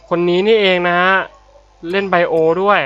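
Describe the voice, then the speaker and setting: A man's voice: sits high, flat delivery, moderate pace, a bit bright, clean tone. A young man casually commentating his online game, chatty and swearing loosely, his voice a little worn from being unwell. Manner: chatty, swears casually, frequent polite particles. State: slightly unwell voice. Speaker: gaming YouTuber. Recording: dull lo-fi audio with game music.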